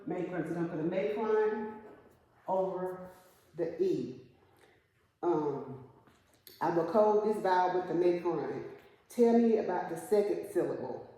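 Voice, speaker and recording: Woman tutor, patient and questioning, mellow tone, echoey reverberant room. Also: lowish voice, lively intonation, unhurried, long pauses. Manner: patient, asks questions and repeats the student's answers. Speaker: reading teacher. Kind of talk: one-on-one phonics lesson.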